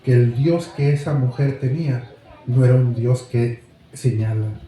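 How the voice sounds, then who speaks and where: A man's voice: medium pitch, a little slow, warm tone, a little hiss or hum. Echoey male preacher. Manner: dramatic, addresses the congregation with questions. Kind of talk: sermon storytelling. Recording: very echoey room.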